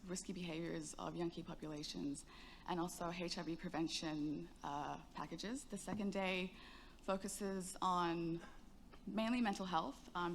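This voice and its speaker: A woman with a fairly low voice speaks on a conference panel, measured and hesitant, often pausing on "um". A faint hum of room ambience sits behind her. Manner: measured, hesitant, with many ums. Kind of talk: panel discussion answer. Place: conference stage.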